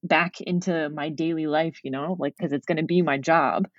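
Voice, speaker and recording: A woman's voice: low voice, fairly even intonation, normal speed, no echo, dull audio. A young woman from Kanehsatake, chatting casually as an interview guest and laughing often, with many "like" fillers. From Kanehsatake, Quebec, Canada. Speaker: guest, game developer.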